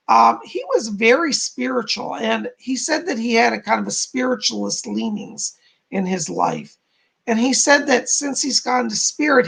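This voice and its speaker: A man with a hoarse, croaky frog voice, giving live spiritual readings to donors as a psychic medium. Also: very high-pitched, fairly bright tone.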